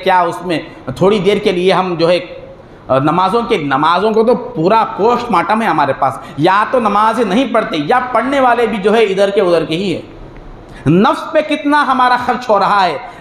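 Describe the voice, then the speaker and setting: A man's voice: sits high, fairly bright tone. A male preacher, delivering a religious sermon full of rhetorical questions, recorded in a mosque hall. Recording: echoey hall with faint noise.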